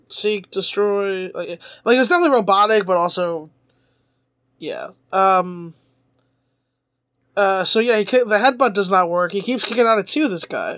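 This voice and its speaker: A man with a notably high voice talks in loose, casual podcast banter, laughing often and swearing freely. He is recorded close and dry, with no room sound around him. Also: pushed and bright, no room sound. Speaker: podcast co-host.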